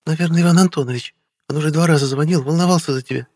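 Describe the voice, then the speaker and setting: A man voicing an affectionate young wife in an audiobook, eager and hushed, pitched far above his own voice. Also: racing, lightly acted. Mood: eager, doting.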